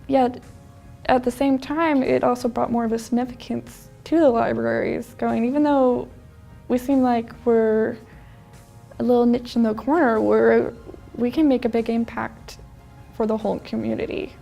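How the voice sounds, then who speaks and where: A woman giving a casual interview in a halting, thoughtful way. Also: a little high, fairly even intonation, vocal fry, mellow, soft background music.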